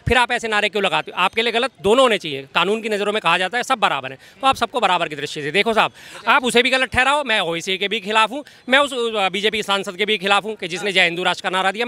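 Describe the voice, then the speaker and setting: Forceful fast-talking man arguing heatedly. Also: high-pitched. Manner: forceful, repetitive, lecturing. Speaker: interviewee in street debate. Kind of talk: heated street debate.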